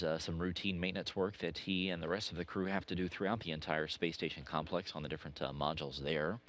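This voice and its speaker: A deep-voiced American man delivers an informational update as a mission control commentator. He speaks in a semi-scripted way, often stopping mid-sentence to say uh. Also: fairly bright tone. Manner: hesitant, frequent uh pauses mid-sentence.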